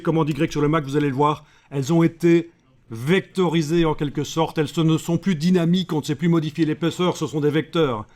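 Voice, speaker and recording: Man, Belgian French accent, class teacher, joking asides, fairly high voice. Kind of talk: live software class.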